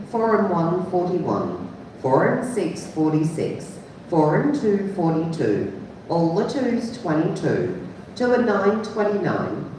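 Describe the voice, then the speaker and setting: A woman working as a bingo caller, announcing in a measured singsong that drops at the end of phrases. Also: lowish voice, mellow. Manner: measured singsong announcing, dropping on the final number. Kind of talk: bingo calling, numbers announced in set phrases. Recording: echoey hall from far off, clear noise.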